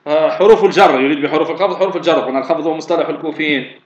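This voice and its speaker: A man's voice: on the high side, racing. A man teaching a grammar lesson, explaining step by step. He often poses a question and answers it himself, with many fillers and restarts. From Tunisia. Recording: echoey, dull lo-fi recording with faint noise.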